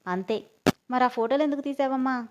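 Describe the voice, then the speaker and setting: A woman's voice: high voice, fairly quick, muffled recording, background noise, lightly acted. A woman voicing a scornful middle-aged father who scolds his family, in a storybook reading.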